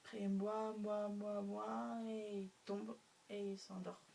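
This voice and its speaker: A woman's voice: mid-range voice, little pitch movement, slow pace, gravelly, darkish tone. A woman retelling a story for a class, hesitant, with many fillers and spoken sound effects. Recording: faint room noise, mic a bit distant.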